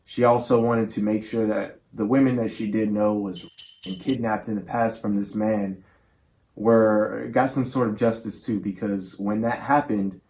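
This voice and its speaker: A man's voice: fairly low pitch, fairly even intonation, unhurried, a little mellow, slight background noise. A man speaking earnestly as the host of a spirit box session, with affectionate, reverent wording toward viewers and spirits. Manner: addresses listeners and spirit with affectionate, reverent words.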